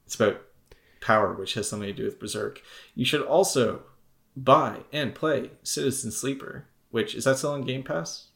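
A man's voice: mid-range voice, normal speed, gravelly, fairly bright tone. A man co-hosting a podcast in casual chat, rambling and joking, often trailing off mid-thought. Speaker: podcast co-host.

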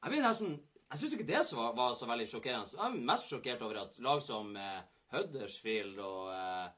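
A man hosting a casual sports talk show, joking and quick, with a husky voice. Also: medium pitch. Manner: lively, joking, hurried at times. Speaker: podcast host.

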